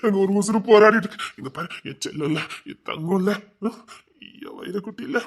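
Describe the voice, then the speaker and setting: An anxious husband played by a man in a web drama, pleading and coaxing in a fairly high voice. He speaks with a Tirunelveli Tamil accent. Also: brisk, breathy edge. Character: anxious husband begging his wife.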